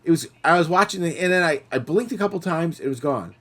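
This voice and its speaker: A man's voice: on the high side, fast. A middle-aged man hosting a podcast, telling stories in casual chat and acting out the voices of the people in them. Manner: animated storyteller, acting out quoted voices. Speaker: podcast host.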